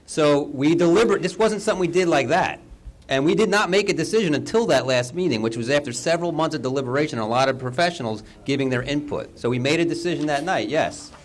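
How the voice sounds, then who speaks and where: A man's voice: fairly high pitch, fast talker. A man serving on a town council, firmly defending a decision and insisting on finishing his point at a public meeting. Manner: firm, insistent, talks over others. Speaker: council member.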